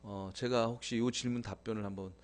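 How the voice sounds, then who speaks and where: Male live-stream host, relaxed and chatty, breaks into laughs. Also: lowish voice, a little fast, clean tone. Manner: chatty, thanks viewers, laughs often. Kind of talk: casual live-stream talk.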